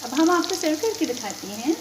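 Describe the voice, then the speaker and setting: A woman's voice: sits high, very animated, a little fast, very noisy. Pakistani woman teaching a recipe over sizzling pans. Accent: Pakistani Urdu. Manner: polite, methodical, lists quantities step by step. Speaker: cooking channel host. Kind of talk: step-by-step cooking tutorial. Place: kitchen at the stove. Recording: frying and sizzling behind the voice. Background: sizzling oil and stirring.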